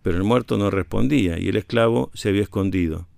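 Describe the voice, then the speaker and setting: A man narrating a folk tale for radio in a measured, low storytelling voice. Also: vocal fry, a little mellow, no echo.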